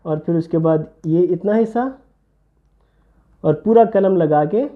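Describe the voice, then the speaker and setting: A man teaching handwriting step by step, patiently explaining each stroke as he writes. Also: phone-quality sound. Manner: patient, explains while writing, drops low for "see this". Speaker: calligraphy teacher.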